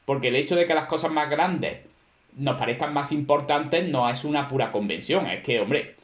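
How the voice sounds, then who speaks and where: A man's voice: on the high side, normal speed, reverberant. A man teaching a class, explaining at length in a conversational way with many fillers and rhetorical questions to his students. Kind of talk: classroom lecture.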